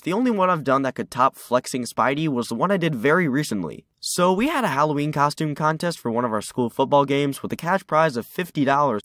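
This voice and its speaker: Young man with lively, closet-recorded delivery. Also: mid-range voice, no room sound, studio quality. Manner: wry, self-mocking. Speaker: animated storytime video creator. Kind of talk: casual comedic storytelling narration. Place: small closet, untreated. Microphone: USB desktop microphone.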